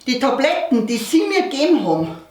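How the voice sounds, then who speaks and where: A woman's voice: sits high, big pitch swings, a little fast, a little mellow. A woman playing an exasperated, naive patient with a plaintive Bavarian accent in a comedy sketch. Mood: plaintive, weary. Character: exasperated, sleep-deprived, naive female patient of a village doctor. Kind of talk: comedy sketch dialogue in dialect. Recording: echoey room, distant mic, background noise.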